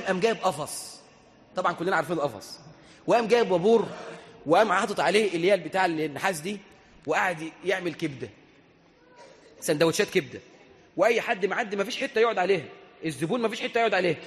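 Fast, high-voiced Egyptian preacher. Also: male voice. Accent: Egyptian Arabic. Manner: animated, chants scripture verses. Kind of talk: humorous storytelling sermon. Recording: reverberant hall.

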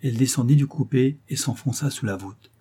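A man reading a classic novel aloud as narrator, steady and measured. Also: mid-range voice, husky. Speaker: audiobook narrator.

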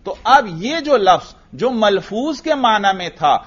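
A man's voice: sits high, very animated, a bit bright, dull audio. A man teaching a lecture class, explaining step by step and asking himself questions before answering them. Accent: Urdu. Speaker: teacher of Arabic grammar.

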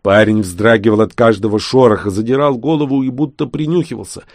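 A man's voice: mid-range voice, a little fast, no room sound, studio quality. A man reading an audiobook in scripted narration, doing all the characters himself.

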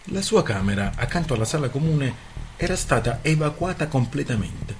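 A man reading a story aloud on the radio in a calm, measured narration. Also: on the high side, a little hiss or hum.

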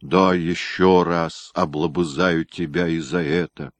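A man's voice: sits low, steady tone, slow, no room sound. A man voicing Nikita, an older boyar father who exclaims with tearful joy, in a storybook reading. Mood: emotional.

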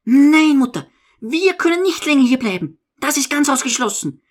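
A man voicing a stern, unrelenting young woman, the elder daughter, in an audiobook reading; sharp, cold and insistent. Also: very high voice, big pitch swings, normal speed, pitched above the performer's own voice. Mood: urgent pleading.

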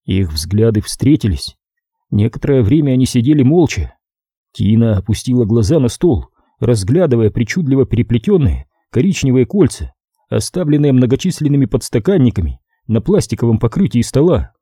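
Man narrating an audiobook, dark husky voice. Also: medium pitch, very animated, normal speed, dry recording, studio quality. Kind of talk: scripted narration.

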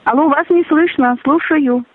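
A high-pitched female voice at normal speed comes through a tinny phone line, dry and glitchy like a robot call. It keeps repeating identical stock lines over and over, regardless of any reply.

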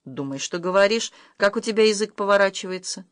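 A woman's voice: medium pitch, animated, fairly quick, dry recording, studio quality, natural voice. A woman reading the lines of a distressed young stepmother, reproachful and emotional, her voice rising when upset. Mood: shaken.

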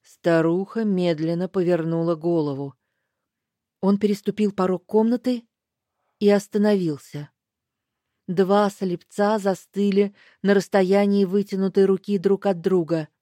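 A woman giving first-person audiobook narration in a slow, deliberate way. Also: medium pitch, fairly even intonation, warm tone, no room sound, studio quality.

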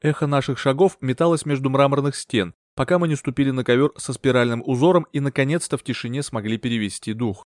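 A man narrating a first-person mystery audiobook in a measured, wry storytelling manner. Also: medium pitch, no echo, studio quality. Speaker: audiobook reader.

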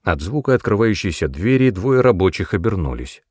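Low-voiced male audiobook narrator. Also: dry recording, clean studio sound. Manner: steady, measured reading.

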